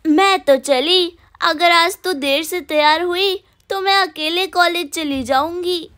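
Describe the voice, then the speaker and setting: A woman's voice: very high-pitched, slow, bright, forceful tone, exaggerated voice. A woman voicing an impatient young college girl in a storybook tale.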